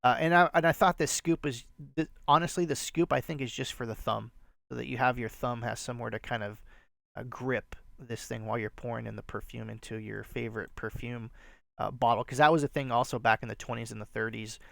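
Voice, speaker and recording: Nasal, rambling man with gravelly voice. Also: medium pitch, steady tone, fairly quick, a bit bright, dry recording, studio quality. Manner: rambling, filler-heavy, self-deprecating. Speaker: resale channel host. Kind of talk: casual show-and-tell vlog.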